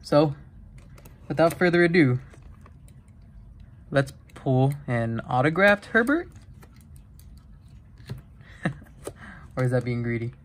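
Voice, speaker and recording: Excitable young man opening trading cards. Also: medium pitch, slow pace, long pauses. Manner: excitable, chatty, reads player names off cards one by one. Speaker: card-breaking YouTuber. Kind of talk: casual card-opening vlog.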